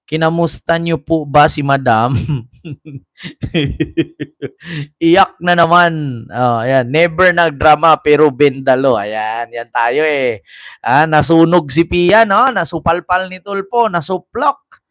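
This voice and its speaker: Male commentator, slow, mocking delivery, dry close sound, frequent laughter. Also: on the high side, fairly bright tone, dry recording. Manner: mocking, laughs often, reads viewer comments aloud. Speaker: commentary vlogger. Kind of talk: casual commentary over clips.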